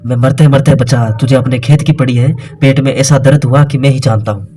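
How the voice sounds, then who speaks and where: A man's voice: medium pitch, normal speed, dark tone, faint music behind, natural voice. A man voicing a poor, weary and stubborn peasant farmer, speaking in raised, coaxing calls in a storybook reading. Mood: defensive.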